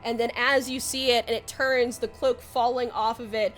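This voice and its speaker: A woman's voice: fairly high pitch, level tone, normal speed, very noisy. A young woman running a tabletop role-playing game as game master, narrating dramatically and laughing often.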